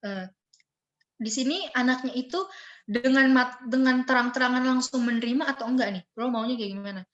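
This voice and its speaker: A woman's voice: on the high side, brisk, dull audio. Chatty young woman tutor. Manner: chatty, lively, acts out scenes. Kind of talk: casual online live class.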